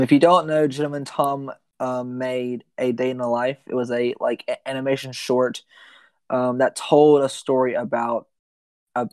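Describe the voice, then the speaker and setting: Young male podcast host, casual and rambling, mid pitch, dry. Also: a little mellow, no echo. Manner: rambling with many ums and restarts. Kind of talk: casual gaming podcast chat.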